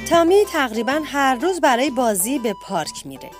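A woman reading a children's bedtime story aloud with expressive delivery. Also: over music. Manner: expressive reading, lifts pitch for children's shouts.

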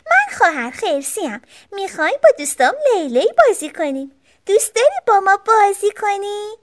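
A woman doing a high-pitched little girl bear. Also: sing-song, fairly bright tone, exaggerated voice. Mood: cheerful. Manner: high squeaky girlish voice.

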